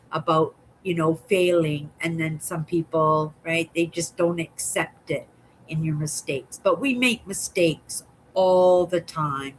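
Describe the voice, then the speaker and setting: A woman in her sixties speaks slowly and thoughtfully with a fairly low voice. She muses through her thoughts and keeps checking in with a soft "right?". A faint hiss of noise sits behind her. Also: low-quality recording. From Canada. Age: 60s. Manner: musing, ends phrases with a questioning "right?". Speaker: vlogger. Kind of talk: reflective casual monologue.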